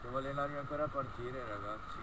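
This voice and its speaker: Riding a moped in town traffic, a teenage boy talks casually from inside his motorcycle helmet for his motovlog, at a quick pace in a mid-range voice. There is no external mic, only the action camera's own poor built-in microphone, which picks up loud engine and wind noise.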